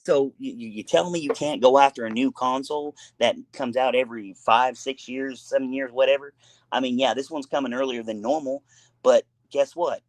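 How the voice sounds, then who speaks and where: A man's voice: medium pitch, steady tone, normal speed, no room sound. A man with a son, hosting a casual gaming talk show, talking in long, rambling, emphatic runs full of fillers and restarts. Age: adult with a son.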